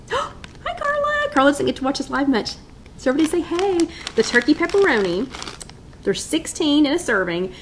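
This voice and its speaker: On a rough recording with slight background noise, a middle-aged woman with a fairly high voice runs a casual weight-loss live stream from her kitchen. She chats cheerfully and reads out viewers' names and their votes.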